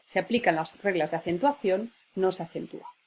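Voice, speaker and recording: Patient, slightly husky woman teacher. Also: fairly low pitch, fairly quick. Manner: patient, methodical, spells out syllables. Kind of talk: spelling lesson.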